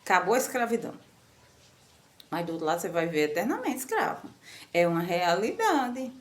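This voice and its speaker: A woman from Brazil preaching a sermon with a strong, loud voice, telling stories and jumping high in pitch when she quotes people. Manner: animated, storytelling, jumps to high pitch when quoting.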